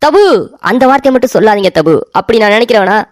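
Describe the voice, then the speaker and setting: A woman's voice: fairly high pitch, animated, fast talker, dry recording, studio quality, natural voice. A woman putting on a blustering elder brother. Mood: melodramatic. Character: bossy, self-pitying elder brother, grown man. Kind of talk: cartoon story voice acting.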